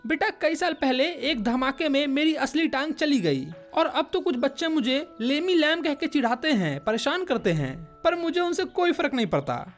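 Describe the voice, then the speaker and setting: A woman voicing a kindly old man gardener with a tin leg, who talks gently and patiently like a father. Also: high voice, very animated, moderate pace, hardly any pauses, faint music behind. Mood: fatherly.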